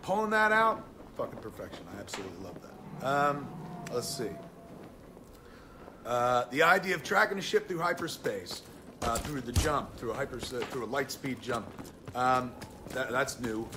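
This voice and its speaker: Excitable, profane man over gunfire. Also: mid-range voice, normal speed, noisy background. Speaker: live streamer. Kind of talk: casual chat about a movie. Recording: loud game gunfire behind the voice.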